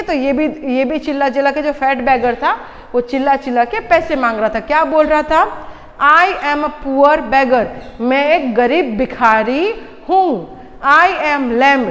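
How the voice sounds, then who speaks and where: High-voiced, patient woman teacher. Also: big-room sound, muffled recording. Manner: patient, translates each line and asks the class questions. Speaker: school teacher. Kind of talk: explaining a storybook lesson to young children.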